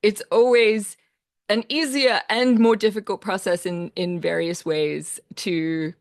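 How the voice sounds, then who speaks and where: A woman's voice: on the low side, creaky, dry recording, studio quality. A woman composer with an Australian accent, giving a casual, chatty talk to a choir with plenty of fillers and self-deprecating asides.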